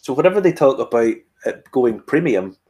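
A man's voice: mid-range voice, big pitch swings, moderate pace, a little mellow. A man with a Northern Irish Ulster accent, hosting a tasting in casual chat, explaining things with asides and questions to himself. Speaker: whiskey tasting host.

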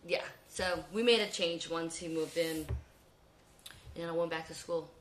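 A woman's voice: low-pitched, steady tone, moderate pace, fairly bright tone, a little hiss or hum. A woman in her thirties chatting as a podcast guest, with frequent ums and self-corrections. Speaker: interview guest. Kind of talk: casual conversation. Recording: roomy echo.

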